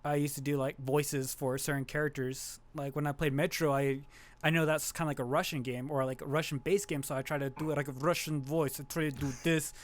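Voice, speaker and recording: A man's voice: fairly high pitch, level tone, a little fast. A man talking casually on a streamers' podcast, hesitant, with many restarts. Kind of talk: casual chat.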